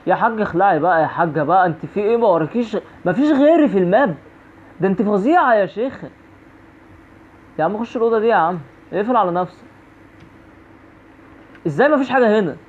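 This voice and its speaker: Egyptian man, gaming commentary, high voice, rapid talk, jumpy, tinny phone-like sound. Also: animated. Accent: Egyptian Arabic. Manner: jumpy, repeats phrases over and over. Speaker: gaming YouTuber. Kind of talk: horror gameplay commentary.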